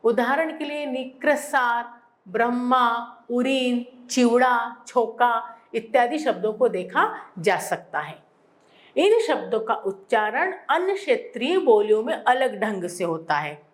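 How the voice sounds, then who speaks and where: A woman teacher giving a school lesson, explaining slowly and answering her own questions. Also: fairly high pitch, expressive. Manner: repeats words for emphasis. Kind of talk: classroom Hindi lesson.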